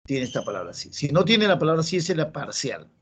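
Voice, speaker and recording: A man's voice: on the high side, very animated, fast, husky. A man with a Peruvian Spanish accent teaching a classroom grammar lesson, repeating key phrases and checking in with students. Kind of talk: classroom lecture.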